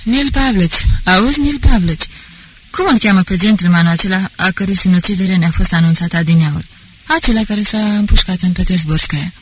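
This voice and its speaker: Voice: medium pitch, fairly bright tone, a little hiss or hum, lightly acted, poor audio. An audiobook reader voicing a boastful, talkative middle-aged police officer who rambles pompously. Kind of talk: audiobook character reading.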